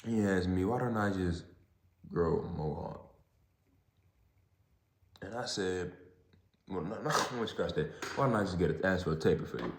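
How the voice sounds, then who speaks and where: Deep-voiced young man in an echoey garage. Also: very noisy. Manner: halting, repeats and rephrases himself. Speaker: podcast host. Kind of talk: casual solo monologue. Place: parking garage.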